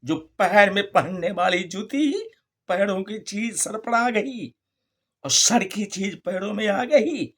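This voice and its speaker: Slow, husky man preaching a fable. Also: high-pitched. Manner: repeats phrases and asks the audience rhetorical questions; drawn-out, storytelling delivery. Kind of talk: moral sermon told as a folk fable.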